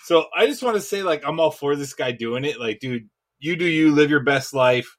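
A man's voice: a little high, expressive, moderate pace. A man co-hosting a casual podcast, brash and blunt, swearing and joking freely. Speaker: podcast co-host. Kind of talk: casual chat.

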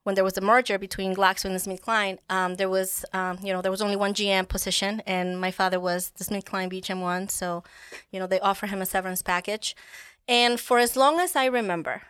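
A woman's voice: mid-range voice, steady tone, fairly quick, clean tone, no echo. A woman from Ecuador telling her life story as a podcast studio guest, with frequent fillers. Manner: warm storytelling with soft laughs and fillers. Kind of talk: casual interview talk. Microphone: studio microphone.

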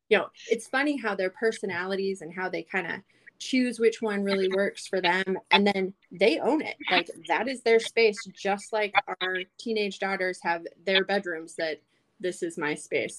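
A woman's voice: medium pitch, a little hiss or hum, rough recording. Chatty woman guest in her forties. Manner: cheerful, chatty, uses fillers. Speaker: guest, small business owner. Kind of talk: casual podcast interview.

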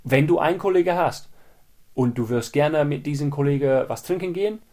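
A man's voice: fairly high pitch, normal speed, mellow. A man hosting a podcast, telling a personal story in a rambling way with frequent restarts and open frustration. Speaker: podcast host.

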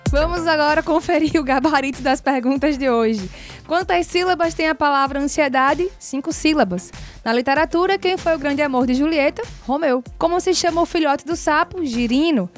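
A woman hosting a radio quiz in a studio, brisk and upbeat, reading each question slowly and clearly. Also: high-pitched, faint music behind. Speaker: radio show host, quiz master.

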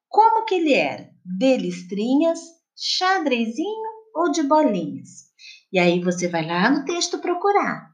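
A woman teacher with a Brazilian Portuguese accent, patiently explaining homework exercises to children in a slow, sing-song classroom voice. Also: high-pitched.

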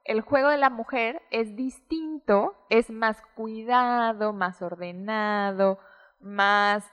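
A high-pitched woman speaks as an expert guest. She explains in a lively, animated way and slips into the voices of the parents she describes. The recording carries a long, roomy reverb. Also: takes it slowly, clean tone. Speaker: child psychology expert guest. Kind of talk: explanatory interview talk.

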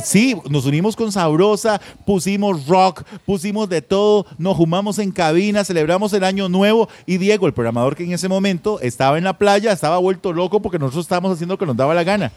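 A Costa Rican man with a notably high voice chats casually about his radio days. He laughs often, leans on local slang and imitates the people in his stories. A faint hiss sits under the recording. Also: a little fast. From Costa Rica. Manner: lively, laughing, slang-heavy, mimics others' voices. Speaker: former radio announcer, guest. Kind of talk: casual storytelling chat.

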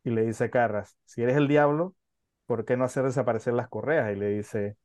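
A man's voice: mid-range voice, moderate pace, darkish tone, no room sound. A man co-hosting a film podcast in casual chat, hesitant, with many fillers and restarts. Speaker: podcast co-host.

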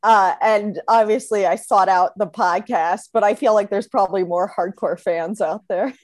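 A woman's voice: medium pitch, normal speed, no echo. A woman guest in a casual chat, eager and chatty.

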